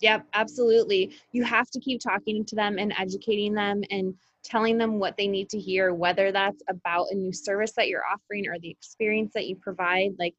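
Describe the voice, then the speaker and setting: A woman's voice: medium pitch, fairly even intonation, a little fast, few pauses, no room sound, dull audio. A woman guest on a podcast in casual chat, upbeat and friendly, giving tips in long run-on sentences. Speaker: podcast guest, social media coach.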